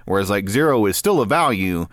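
A man's voice: fairly low pitch, animated, brisk, no room sound, studio quality. A man in casual podcast conversation, laid-back and agreeable, with many fillers. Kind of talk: casual chat.

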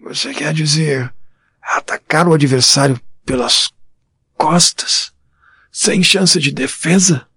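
A man voicing a frail old male blacksmith who speaks slowly, breathily and like a teacher. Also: a little high, bright, forceful tone, no echo, clean studio sound, voice pushed up, full character voice. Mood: disapproving. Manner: slow, breathy and professorial.

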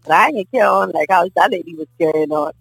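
A middle-aged woman from the Bahamas with a Bahamian accent, a guest in a casual table conversation, telling stories in a lively way and often asking "you understand?". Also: on the low side, fast talker, gravelly, husky, dry recording, faint music behind, poor audio. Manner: animated storyteller, often asks "you understand?".

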